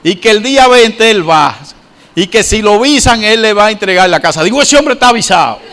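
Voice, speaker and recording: A middle-aged man, preaching a sermon and telling a personal story in an animated way. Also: high voice, normal speed, background noise. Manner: animated storytelling, voices the characters in his anecdote and laughs as he tells it. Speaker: pastor.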